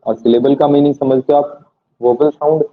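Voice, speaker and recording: Speaking fairly quickly with fairly even intonation, a medium-pitched man teaches a class English grammar. He answers his own questions and spells words out letter by letter, heard through tinny, phone-like audio.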